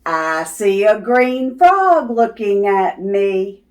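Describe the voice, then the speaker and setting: A woman who hosts children's videos reads a picture book to young kids in a sing-song, teacherly way, asking questions and affirming the answers. Her medium-pitched voice is very animated and very slow.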